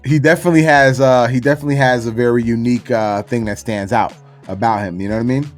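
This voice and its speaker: A man's voice: medium pitch, steady tone, fast talker, faint music behind. Laid-back man hosting a podcast. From Florida. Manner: laid-back, talks through a list with slang and fillers. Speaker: podcast host. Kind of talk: casual podcast chat.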